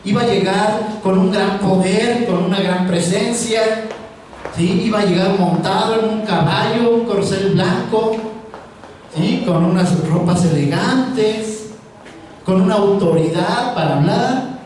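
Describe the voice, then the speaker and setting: A man's voice: high voice, unhurried, darkish tone, a little hiss or hum. A man preaching a sermon, often asking his listeners questions and waiting for their answers. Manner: asks the audience frequent questions. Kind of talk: sermon with call-and-response. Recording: roomy echo, mic at a distance.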